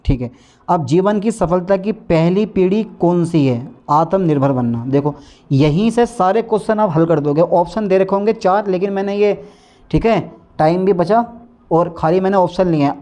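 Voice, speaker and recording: A man's voice: a little high, mellow. A man teaching an exam-prep lesson in a coaching-class style, coaxing and urging his students to read along, speaking with a north Indian Hindi accent.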